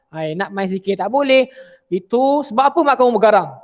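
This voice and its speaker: Lively Malaysian male religion teacher. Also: high-pitched, brisk. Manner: lively, questioning, teasing pupils. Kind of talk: online class lesson.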